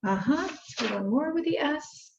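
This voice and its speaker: A woman leads a one-on-one phonics lesson with short, patient prompts. Her voice sits a little high. The recording is roomy and dull. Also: expressive, moderate pace, vocal fry, a little mellow, a little hiss or hum. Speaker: reading tutor.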